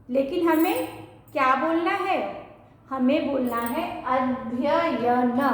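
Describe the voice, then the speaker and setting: A woman teaching a language lesson, slowly spelling out words and repeating each one for her students to copy. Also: high-pitched. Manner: slow, repeats words for drill. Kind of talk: Hindi pronunciation lesson. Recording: very echoey room.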